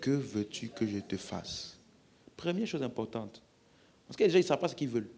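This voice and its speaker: A man preaches in French-accented speech, his husky voice rising and falling with great liveliness. He fires questions at the congregation and drives his points home with emphasis. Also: medium pitch, big pitch swings, a little fast, a little mellow. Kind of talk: healing-service sermon.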